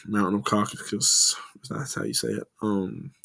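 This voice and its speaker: A young man from West Tennessee, with a Southern twang, rambles informally through a recorded class project presentation, full of "um"s and restarts. His voice sits on the low side with big pitch swings, vocal fry and a pushed, bright quality at normal speed, and the recording is dry.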